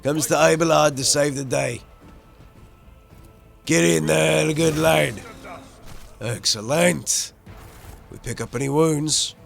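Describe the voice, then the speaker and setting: A man commenting excitedly as he plays a video game and reads its text aloud expressively. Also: on the high side, takes it slowly, vocal fry, long pauses, soft background music. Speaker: gaming video host.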